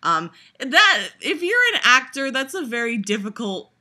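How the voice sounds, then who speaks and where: With a high-leaning, sharp voice that swings widely in pitch, a woman vlogger rants about a trailer at an unhurried pace. She's casual, exasperated and profane, with lots of fillers and restarts.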